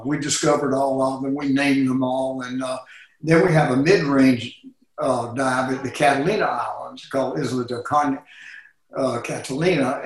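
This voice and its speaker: A man who runs a dive business, answering interview questions in a relaxed, rambling way with many fillers. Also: medium pitch. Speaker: dive operator. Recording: very echoey room.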